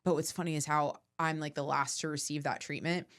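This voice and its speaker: A woman's voice: low-pitched, fairly even intonation, fairly quick. A woman in her thirties, a comedian guest on a podcast, talking casually and animatedly and swearing freely. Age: 30s.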